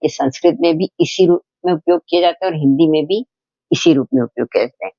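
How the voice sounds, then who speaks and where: A man with a slightly raised pitch walks his viewers through a grammar lesson. He explains patiently, one step at a time, and keeps posing questions to the listener. The recording is dry and a bit muffled. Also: fast talker, vocal fry, mellow, no echo. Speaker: Hindi teacher.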